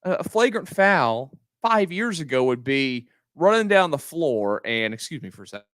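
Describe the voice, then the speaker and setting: A man's voice: a little high, very animated, normal speed, a bit bright, dry recording, studio quality. A middle-aged man hosting a post-game sports podcast, ranting in an exasperated, emphatic way and restarting his sentences often.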